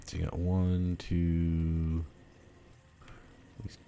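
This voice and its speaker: A man with an extremely deep voice talks through his gaming session, drowsy and yawning as he rambles. He thinks aloud with plenty of fillers and casual swearing, over a faint background hiss. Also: completely flat delivery, very slow, mellow. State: sleepy, yawning. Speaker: gaming streamer. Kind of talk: casual gameplay commentary.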